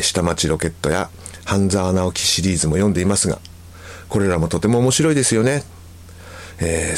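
A man hosting a radio show, reading listener letters aloud and chatting about them in a relaxed way with frequent chuckles. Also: fairly low pitch. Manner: relaxed, chuckles often, comments between letters. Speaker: musician.

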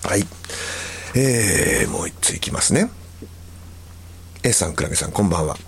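Male radio host with a lowish voice, easygoing, chuckling through listener mail. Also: normal speed, creaky, slight background noise. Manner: relaxed, chuckles often, comments between letters. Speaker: musician. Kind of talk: casual radio talk with letter reading.

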